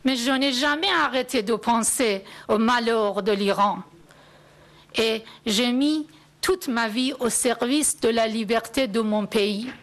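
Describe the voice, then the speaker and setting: A woman from Iran giving a prepared testimony speech at a conference, solemn and deliberate in short phrases. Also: on the high side. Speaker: conference speaker.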